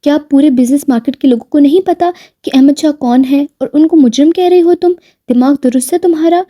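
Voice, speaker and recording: Brief: woman reading a devoted wife with a sharp tongue, mellow, fairly high voice. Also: no echo, clean studio sound, close to an everyday voice. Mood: angry. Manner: playful with husband, harsh and angry with police. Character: loving loyal wife, sharp-tongued when angered.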